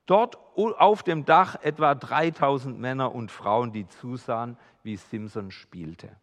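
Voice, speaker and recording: A man preaching a sermon as pastor, swinging between hushed, intimate passages and loud, emphatic appeals. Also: mid-range voice, a little slow, long reverb tail.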